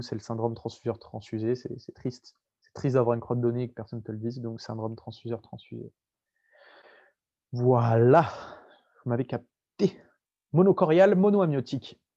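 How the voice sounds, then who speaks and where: A man's voice: mid-range voice, dull audio. Young man tutoring, playful and jokey. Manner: jokey, playful, chatty asides to viewers. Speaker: student tutor. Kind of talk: casual lecture with mnemonics.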